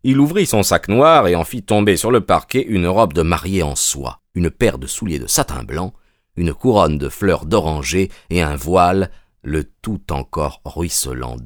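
A man narrating an audiobook in a measured, calm storytelling manner. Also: deep voice, no echo, studio quality. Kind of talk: scripted narration.

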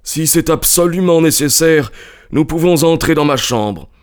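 A man's voice: on the high side, lively intonation, a little slow, voice pushed up. A man voicing an impatient, huffy older country squire in a read-aloud story. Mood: grudging.

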